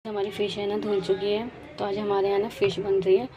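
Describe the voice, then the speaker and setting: A woman's voice: medium pitch, flat delivery, a little fast, dark tone, slight background noise. A woman chatting straight to her viewers in a casual home cooking vlog, talking from her kitchen. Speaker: vlogger.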